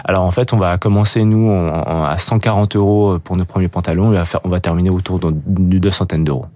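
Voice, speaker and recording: A young man speaking as a guest in a radio interview, often pausing and restarting his sentences. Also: low voice, steady tone, dark tone. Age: young adult. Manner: hesitant, many fillers and restarts. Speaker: guest, jeans brand founder.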